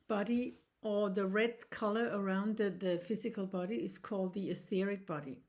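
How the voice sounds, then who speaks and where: Speaking in a mid-range, slightly mellow voice, this Danish reflexology teacher in her sixties explains things earnestly in her second language, English. It's an informal online lesson, and her delivery halts with frequent restarts.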